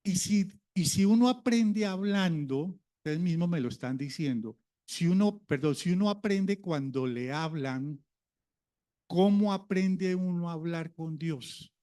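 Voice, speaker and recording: A man's voice: sits high, unhurried, mellow. A man preaching a sermon, a pastor who talks in a conversational way and keeps asking the congregation questions.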